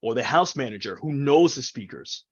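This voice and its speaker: A man's voice: medium pitch, lively intonation, moderate pace, husky. Dull-sounding video call, man from New York City. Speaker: ring announcer and event MC, interview guest. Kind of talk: casual interview chat.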